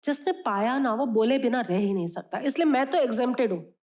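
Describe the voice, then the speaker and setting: A woman spiritual teacher explaining a sacred text line by line to her students, expressive and mixing in English phrases, with a sore throat. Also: on the high side, normal speed.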